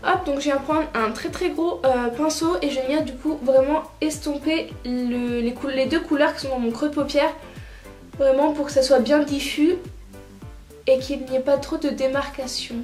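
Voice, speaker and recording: A woman narrating a makeup tutorial as a vlogger, chatty and relaxed with lots of filler words. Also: high-pitched, normal speed. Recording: roomy echoey room, faint music.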